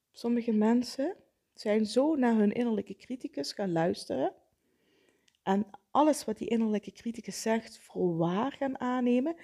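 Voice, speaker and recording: Woman therapist, mellow husky tone, calm explainer; slows to stress key points. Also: a little high. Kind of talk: explanatory talk on self-help.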